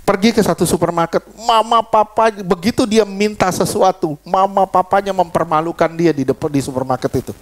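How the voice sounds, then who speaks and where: A man's voice: high voice, brisk, hardly any pauses, a little hiss or hum. A middle-aged man preaching an informal deliverance sermon. He tells stories and keeps firing questions at his congregation. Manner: animated, fires rhetorical questions at the congregation; switches between preaching and storytelling.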